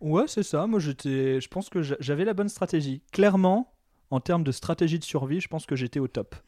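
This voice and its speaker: Mellow self-mocking male storyteller. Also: a little high, a little fast, no echo, clean studio sound. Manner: self-mocking, laughing, hesitant fillers. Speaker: podcast guest. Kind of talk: casual storytelling.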